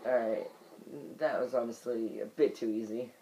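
A man's voice: medium pitch, steady tone, moderate pace, mellow, a little hiss or hum, rough recording. A man giving let's play commentary, muttering to himself while he plays. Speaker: gamer.

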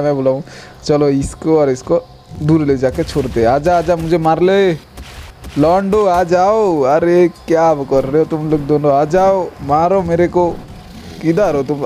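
A young man giving casual, rambling gameplay commentary as a gaming YouTuber, talking straight to his viewers and reacting loudly when attacked. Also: on the high side, slight background noise.

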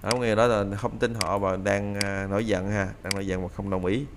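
Low-voiced man teaching English phrases. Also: little pitch movement, brisk, noisy background. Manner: repeats phrases, reads English examples aloud. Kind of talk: casual English lesson explained in Vietnamese.

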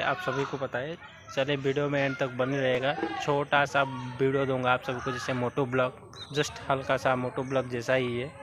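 A young man chatting casually to viewers while he rides a motorbike on a village road, filming on a phone held at arm's length. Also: mid-range voice. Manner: chatty, repeats viewer appeals. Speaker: vlogger. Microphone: phone camera at arm's length. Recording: lo-fi phone audio with loud wind.

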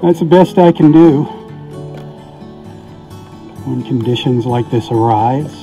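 A man's voice: mid-range voice, slow, warm tone, faint music behind. A man giving a casual, folksy beach report outdoors in the rain, his voice tinny and muffled because the camera sits in a weatherproof housing. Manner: easygoing and folksy, signs off with blessings. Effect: tinny, muffled audio from a camera in a weatherproof housing. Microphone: camera mic inside a weatherproof housing.

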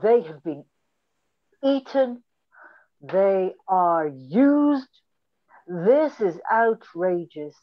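In a puppet improv, a woman plays an earnest cabbage mother leading a support meeting. She speaks slowly in a sing-song, middle-pitched voice over slightly dull video-call audio.

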